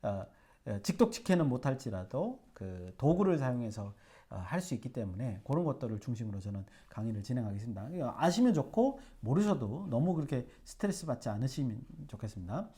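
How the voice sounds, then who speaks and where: A man teaching Hebrew grammar at a whiteboard. He sounds out syllables slowly, keeps checking in with his students with quick rhetorical questions, and fills pauses with "예" and "어". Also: mid-range voice, sing-song, mellow. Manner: frequent "예" and "어" fillers. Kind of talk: whiteboard lecture. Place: classroom at a whiteboard.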